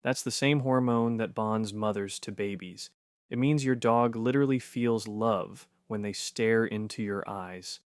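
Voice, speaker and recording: A man giving scripted narration for an explainer video, punchy and conversational with quick rhetorical questions. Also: fairly low pitch, no echo, studio quality.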